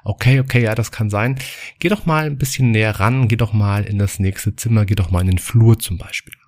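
A man's voice: fairly low pitch, fairly quick, darkish tone, no room sound, studio quality, natural voice. Male performer as patient doctor, soothing, reasonable, everyday voice. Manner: soothing, coaxing.

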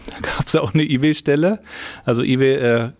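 A man's voice: medium pitch, fairly even intonation, a little fast, a little mellow, no echo. Chatty middle-aged man hosting, dry sound. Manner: friendly, chatty, uses fillers. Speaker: podcast host. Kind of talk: casual interview chat.

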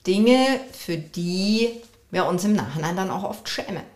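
A woman hosts a calm solo podcast as a coach and couples therapist. She speaks unhurriedly in a slightly low voice, measured and reflective. The room adds a noticeable echo. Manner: measured and reflective, with frequent affirming "ja".

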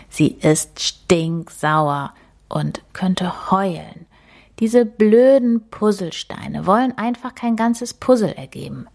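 A woman reading a children's storybook aloud in a gentle, expressive, half-whispered way. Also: on the low side.

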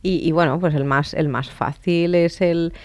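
A woman's voice: low-pitched, fairly even intonation, unhurried, darkish tone. A middle-aged woman talking casually and reflectively about emotions, musing as she goes. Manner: reflective, many fillers and restarts.

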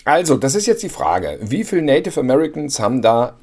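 A man's voice: medium pitch, sing-song, fairly quick, darkish tone. A man co-hosting a podcast, chatting casually, teasing his partner and searching for words with fillers. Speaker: podcast co-host.

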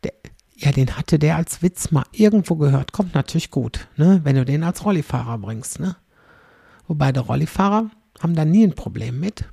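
Husky, gravelly woman telling stories. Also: low-pitched, lively intonation, normal speed, dark tone, dry recording, studio quality. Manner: chatty, rambling, tag questions "ne?". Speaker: comedian. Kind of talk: casual storytelling monologue.

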